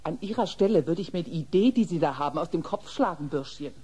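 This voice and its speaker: An actress playing a bossy, scornful, experienced nurse, condescending and commanding, in a German horror radio play. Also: female voice, low-pitched, animated, quick pace, background noise. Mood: scornful, threatening.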